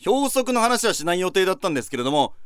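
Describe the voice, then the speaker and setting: A man's voice: high-pitched, sing-song, rapid-fire, fairly bright tone, clean tone, no echo, clean studio sound. A man giving a patient, methodical lecture, repeating key points as he teaches. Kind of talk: explanatory lecture.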